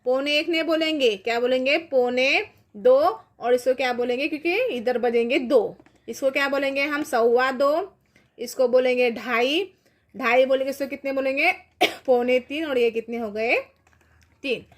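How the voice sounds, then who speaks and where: A woman's voice: sits high, moderate pace. A woman teacher explains clock times step by step, patiently asking questions and answering them herself. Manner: patient, asks and answers her own questions. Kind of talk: classroom math lesson.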